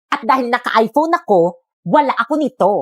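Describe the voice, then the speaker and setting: A woman acting in a comedic skit, exclaiming in a shrill way. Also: lively intonation, normal speed, no echo, studio quality.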